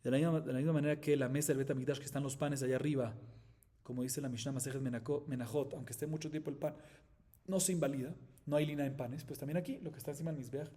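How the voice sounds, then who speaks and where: A man from Colombia teaching a Talmud lesson as a rabbi, with animated rising emphasis and frequent rhetorical questions to his listeners. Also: mid-range voice. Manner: reads Aramaic text in quick chant.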